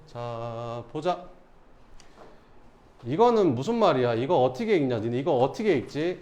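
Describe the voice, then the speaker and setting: A male math teacher talks through problems in a relaxed, informal lecture. His fairly high voice swings up and down a lot. He keeps stopping to ask whether his students are following. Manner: casual, keeps checking students understand.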